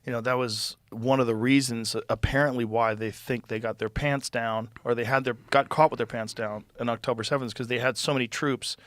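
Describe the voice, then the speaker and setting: A man hosting a podcast in casual conversation, animated and profane, who often mocks people in exaggerated voices. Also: medium pitch, brisk, few pauses, no room sound. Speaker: podcast host.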